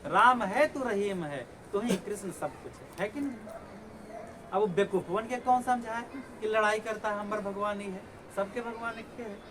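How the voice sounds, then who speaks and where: A man's voice: high voice, moderate pace. Man teaching a class over noise. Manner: explains and asks students rhetorical questions; recites Sanskrit verses. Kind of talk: classroom lecture. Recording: noisy classroom recording.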